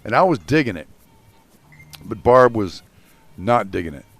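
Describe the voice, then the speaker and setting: A man's voice: fairly low pitch, very animated, a little slow, no room sound. A man co-hosting a podcast in casual chat, rambling through stories and swearing freely. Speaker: podcast co-host.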